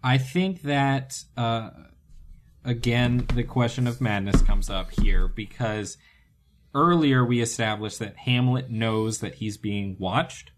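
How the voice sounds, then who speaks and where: A man's voice: medium pitch, slow pace, slight background noise. A man co-hosting a casual podcast, thoughtfully working through an idea in long turns. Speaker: podcast co-host. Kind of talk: casual group chat.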